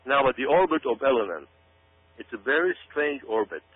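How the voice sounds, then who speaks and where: A guest commentator addresses listeners in an emphatic, dramatic monologue, repeating himself for effect. His mid-range voice is sing-song, brisk and slightly rough, with no room sound, over a tinny, phone-like radio line with hum.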